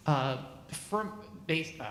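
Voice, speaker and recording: A man's voice: on the high side, expressive, a bit bright. Brief: man in his forties, community questioner, stumbling, self-correcting delivery, roomy hall echo, faint hiss. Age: 40s. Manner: halting, stumbles and restarts often. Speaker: church member asking questions. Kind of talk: question at a church meeting. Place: church meeting room.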